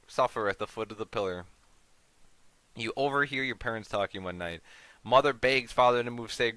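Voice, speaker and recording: A man playing a story game, reading its text in a measured voice and breaking off for swearing asides. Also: mid-range voice, bright, forceful tone, smooth, no echo, poor audio. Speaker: gaming channel host. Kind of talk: reading game text aloud with cursing commentary.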